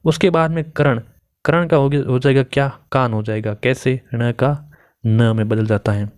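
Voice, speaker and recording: A man's voice: medium pitch, steady tone, moderate pace, darkish tone, clear, resonant tone. A young man giving an exam-prep grammar lesson, asking questions and then answering them himself. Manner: asks and answers his own questions. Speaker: Hindi grammar teacher.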